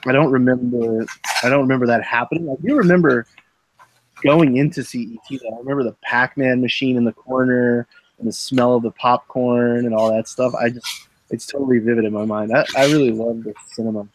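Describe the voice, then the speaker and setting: A man's voice: mid-range voice, steady tone, fairly quick, noisy background. Rambling man telling stories on a live stream. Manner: rambling storyteller, full of "like" and restarts. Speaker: host of a live eBay listing stream. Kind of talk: casual live-stream chat.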